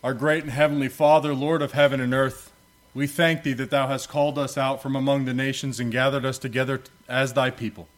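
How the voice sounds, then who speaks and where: Solemn preacher at a pulpit microphone. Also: male voice, medium pitch, little pitch movement. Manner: solemn, measured reading in archaic biblical English. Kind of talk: prayer and scripture reading in church.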